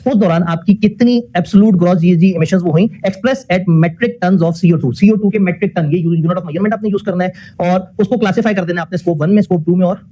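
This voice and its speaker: Man, lecturer, quick speech, raspy tone, asks the class questions. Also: high voice, mellow, dull audio. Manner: asks the class questions and answers them himself; mixes English technical phrases into his talk.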